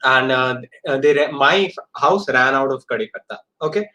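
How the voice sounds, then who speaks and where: A man's voice: medium pitch, normal speed, sharp tone. A man with an Indian accent teaching an informal live coding lesson, often repeating phrases and checking that students follow. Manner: repeats phrases, checks understanding with short tags.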